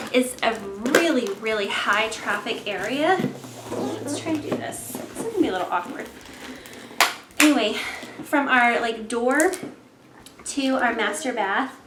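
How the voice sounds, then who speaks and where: A young woman, chatting excitedly to camera at home, a bit out of breath. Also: fairly high pitch. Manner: bubbly and excited, chatty with many fillers. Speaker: home cleaning vlogger. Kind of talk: casual chat to camera. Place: home bedroom, indoors. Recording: echoey room with clear background noise.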